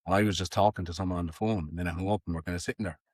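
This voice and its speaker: Low-voiced Irish man, casual chat. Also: racing, slightly rough, no room sound, clean studio sound. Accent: Irish, Tipperary. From Ireland. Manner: animated, swears freely, does impressions of accents. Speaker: podcast host.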